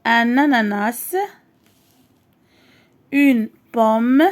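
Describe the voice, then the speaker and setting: Slow, clear Moroccan woman teaching. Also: a little high. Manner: slow, clear, repeats words and syllables. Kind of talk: French lesson for young pupils, explained in Arabic.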